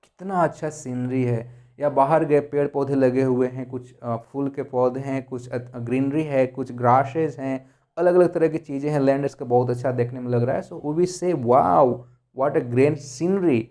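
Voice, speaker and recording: A man's voice: medium pitch, steady tone, moderate pace, warm tone. A man giving a grammar lesson, explaining rules through lists of examples and often checking in with the class. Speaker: English grammar teacher.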